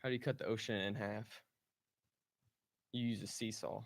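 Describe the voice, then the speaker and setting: A man trading dad jokes in a contest, delivering setups and punchlines deadpan with short thoughtful hums. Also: lowish voice, normal speed, vocal fry. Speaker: joke contestant.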